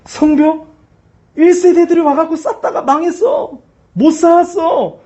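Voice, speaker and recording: A pastor voicing a mocking male devil who taunts with drawn-out, jeering questions. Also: very high-pitched, mellow, highs cut off, voice pushed up.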